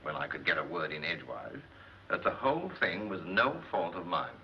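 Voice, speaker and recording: An old screwball comedy film husband, middle-aged, flustered and henpecked. His banter swings widely in pitch as he defends himself. The soundtrack is dull, with faint hiss and noise. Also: sing-song, brisk. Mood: defensive, exasperated.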